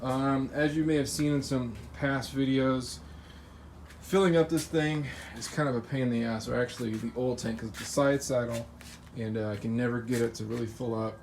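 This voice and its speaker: A man's voice: medium pitch, fairly even intonation, moderate pace, a little mellow. An American man giving a casual, unscripted, upbeat update as a car build vlogger, in informal slangy words. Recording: faint vehicle and ambient noise.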